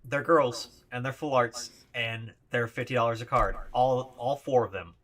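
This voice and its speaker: A man's voice: medium pitch, fairly even intonation, moderate pace, a bit bright. A man in a played video ranking trading cards, plain-spoken and opinionated, with some hesitant restarts. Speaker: card reviewer in a played video. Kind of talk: casual ranking commentary.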